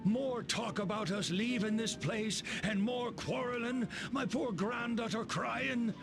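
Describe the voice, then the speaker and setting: A man's voice: very high-pitched, a little slow, creaky, exaggerated voice. An actor playing a weary, flustered old grandfather telling a story in a video game. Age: older. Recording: game music behind the voice.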